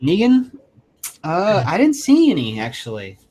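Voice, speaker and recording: A man with a slightly raised, husky voice chats on a podcast as co-host. He mostly adds short, easygoing remarks to the conversation. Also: high-pitched, wildly swooping pitch, measured pace, a little mellow. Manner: laid-back, brief interjections. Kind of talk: casual podcast chat.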